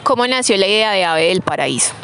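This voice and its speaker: A woman's voice: medium pitch, expressive, fairly quick, fairly bright tone, a little hiss or hum. A woman hosting a community radio interview, asking friendly, prompting questions.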